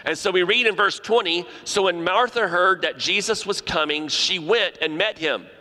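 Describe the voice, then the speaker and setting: Forceful male preacher in a reverberant hall. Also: sits high, normal speed. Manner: emphatic, repeats key phrases for stress. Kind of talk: sermon.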